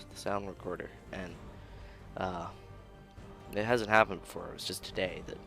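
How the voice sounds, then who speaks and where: A man's voice: deep voice, a bit bright. A young man casually narrating his own 3D modeling build, laid-back and self-deprecating, chuckling now and then and sounding tired of rerecording. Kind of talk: casual screen-recorded commentary.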